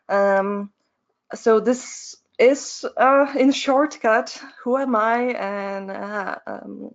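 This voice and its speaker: A woman from Poland, giving an online art webinar as a concept artist, explaining in an unhurried way with hesitant pauses. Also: medium pitch. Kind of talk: webinar presentation. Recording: lo-fi webinar audio.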